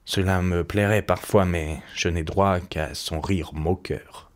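A man's voice: sits low, fairly even intonation, takes it slowly. A man reading aloud and voicing a cynical, witty English aristocrat with a languid, ironic manner. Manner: languid, ironic, quietly amused.

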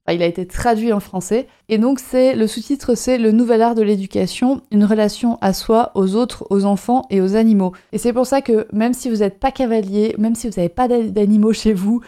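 Woman, solo podcast host, warm mellow tone, chatty and good-humored. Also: mid-range voice. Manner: chatty, upbeat, humorous, with frequent fillers.

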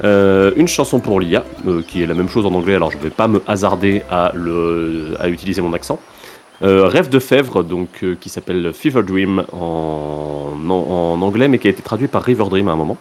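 A man's voice: sits low, moderate pace, a little mellow, slight background noise. A man hosting a podcast in casual chat, hesitant, with many filler sounds and restarts. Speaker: podcast host.

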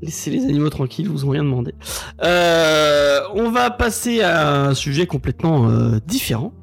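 A man hosts a relaxed chat in a slightly raised, gravelly voice. He hesitates often, filling gaps with pauses. He sits right on the mic, with faint guitar music playing underneath. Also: fairly high pitch. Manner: hesitant, many filler pauses. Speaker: podcast host. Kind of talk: casual chat. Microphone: close to the mic.

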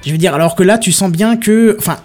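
A man hosting a casual tech podcast chat, excitable, with punchy exclamations as he presents hardware. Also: high-pitched, fast talker, faint music behind.

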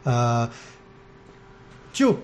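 Animated, hesitant male podcast host. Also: mid-range voice, extremely slow. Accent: non-native accent, mocked by cohosts. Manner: hesitant, many fillers, joking. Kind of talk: casual podcast chat.

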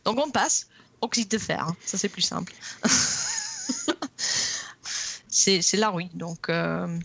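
A woman with an English accent, a native English speaker, explaining geology as a guest in a radio interview, pausing often with fillers and restarts. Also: fairly low pitch, gravelly, a bit bright, breathy edge, dry recording. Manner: hesitant, frequent fillers and restarts.

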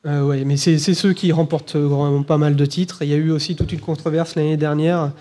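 A man's voice: fairly high pitch, flat delivery, a little fast, dark tone. A man, co-hosting a live podcast and presenting whiskies in a hesitant, casual way, full of fillers and restarts. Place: live event recording.

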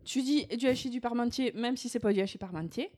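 Woman, podcast co-host, casual banter, playful, slightly high voice. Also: fast talker, a little mellow. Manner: playful, explains quotes with asides.

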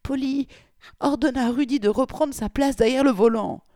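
A woman voicing a frightened young woman who pleads in a high voice. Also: normal speed, dark tone, no echo, clean studio sound, natural voice. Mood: pleading.

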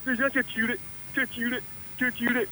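Excitable man calling in over the phone. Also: very high voice, normal speed, slight background noise. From Burkina Faso. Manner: excitable, exclaiming, broken French. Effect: heard over a phone line. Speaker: caller. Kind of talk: phone-in radio chat.

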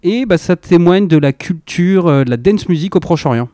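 A man's voice: high voice, lively intonation, normal speed, mellow, no room sound, studio quality. A man hosting a music radio show, presenting records in a casual, enthusiastic chat with laughing asides and slangy phrasing.

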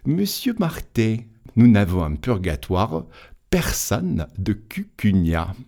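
A man's voice: on the low side, sing-song, takes it slowly, gravelly, mellow, full character voice. A man voicing a solemn male angel who keeps a great book, grave and given to sighing, in a told tale. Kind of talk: audiobook storytelling.

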